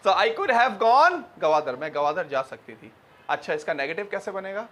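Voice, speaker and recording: A man's voice: high voice, big pitch swings, normal speed, a bit bright. A male English teacher giving a classroom grammar lesson to students, quizzing them, repeating examples and joking with them. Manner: joking, teasing.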